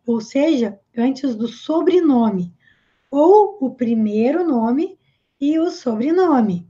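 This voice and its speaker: A Brazilian woman with a Brazilian Portuguese accent gives a patient, step-by-step English lesson. Her voice is high and mellow, and she speaks slowly. The audio is a little dull and lo-fi. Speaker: English teacher. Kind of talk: explanatory language lesson.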